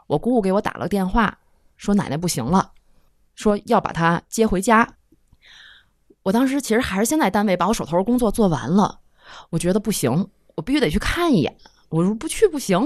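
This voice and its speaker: A woman in her thirties, a guest on a talk show, telling an emotional personal story in a halting, heartfelt way. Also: medium pitch, no room sound, clean studio sound. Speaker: guest listener.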